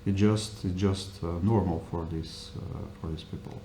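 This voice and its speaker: A man giving spontaneous interview answers in halting English, searching for words. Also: low-pitched, steady tone, dark tone. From Russia. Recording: echoey room with faint noise.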